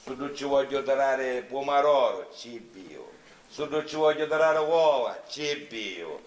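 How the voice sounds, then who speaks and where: Actor as swaggering Sicilian tough, swooping delivery. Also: male voice, mid-range voice, animated, slow pace. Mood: domineering. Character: swaggering, menacing small-time tough guy. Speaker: stage comedy actor. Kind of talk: theatrical dialect comedy. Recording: roomy stage, clear background noise.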